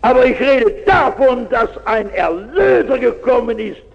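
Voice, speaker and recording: A man preaches an evangelistic sermon in a high voice and a slow, deliberate pace. He bursts into loud emphatic lines and turns to the audience with asides. The sound is dull and echoes through a large hall. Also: very animated, creaky.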